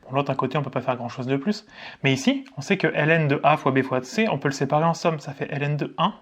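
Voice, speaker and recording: A man's voice: on the high side, fast talker, a bit bright. A man from France, a maths tutor, explaining a lesson at a board in a casual way, asking and answering his own questions as he goes. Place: indoors in front of a board.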